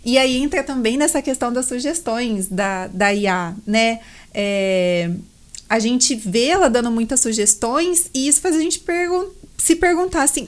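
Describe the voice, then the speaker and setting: A woman with a Brazilian Portuguese accent hosts a podcast conversation, enthusiastic and full of little tag questions. Her voice sits a bit high. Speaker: podcast host. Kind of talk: conversational interview.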